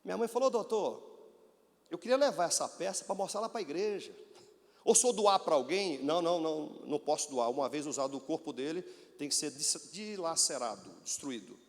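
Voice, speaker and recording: A man's voice: fairly high pitch, animated, fairly quick. A man from Brazil, a pastor telling a testimony in a sermon, animatedly acting out the voices of doctors and his mother. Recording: long hall reverb.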